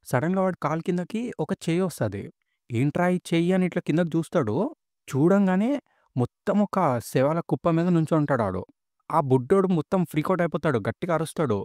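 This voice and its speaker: A man's voice: on the high side, no room sound, clean studio sound. Man casually retelling a manga. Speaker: manga storyteller.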